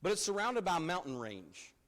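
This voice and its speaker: Pastor preaching at a pulpit microphone in a reverberant church, with a slightly raised voice, talking in a relaxed, easy way and often repeating his words as he goes. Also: high-pitched, brisk. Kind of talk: sermon. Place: church sanctuary. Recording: long reverb of a church hall.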